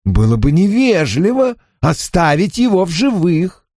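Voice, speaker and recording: A man playing a high, shrill spirit gentleman, gleefully cruel. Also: very animated, unhurried, no echo, studio quality, full character voice. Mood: cold disdain. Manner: theatrical, exulting, shouting in rage. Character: haughty cruel male fairy spirit, gleeful killer.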